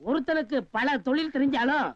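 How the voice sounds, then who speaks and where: An actor playing a meek, eager sidekick who agrees with everything in a film comedy scene. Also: male voice, very high-pitched, a little fast, dry recording. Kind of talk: 1990s film comedy dialogue. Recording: dull old film soundtrack.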